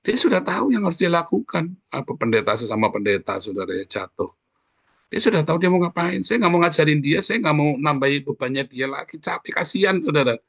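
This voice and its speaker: A man's voice: on the high side, sing-song, creaky, dry recording. A male pastor giving a sermon in a conversational way, often addressing the congregation directly. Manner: sings short worship lines softly and slowly.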